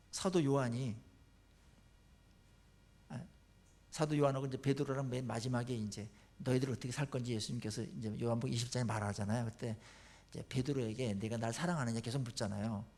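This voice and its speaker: A male pastor preaching a sermon, emphatic, swinging between loud urging and quiet explanation. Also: medium pitch, steady tone, normal speed, pauses often.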